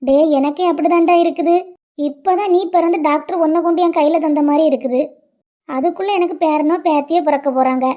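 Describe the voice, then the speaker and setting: A performer voicing a warm, fussing middle-aged mother in a cartoon, with a Tirunelveli Tamil accent, chatty and teasing. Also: sits high, fairly even intonation, a little fast, natural voice. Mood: touched.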